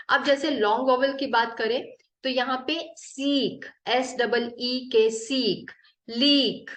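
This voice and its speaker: A woman's voice: on the high side, roomy sound. A woman teaching English spelling rules in Hindi, explaining each rule and spelling out example words letter by letter.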